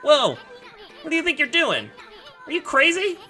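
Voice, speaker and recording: A tiny male wandering artist brags and bristles in a pushed-up, bright voice, as a woman puts him on. He swaggers through every line, lively and pitched high. It is a video game character. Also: faint music behind, heavily acted. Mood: startled. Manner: cocky, brash and quick.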